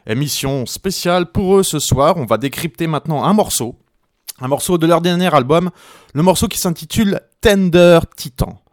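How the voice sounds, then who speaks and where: A man's voice: fairly high pitch, animated, moderate pace, no echo. Guy hosting a radio music show, rambling and jokey, lots of ums, dead dry studio mic. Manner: chatty and joking, with many hesitations. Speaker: radio host. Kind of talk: casual radio music commentary.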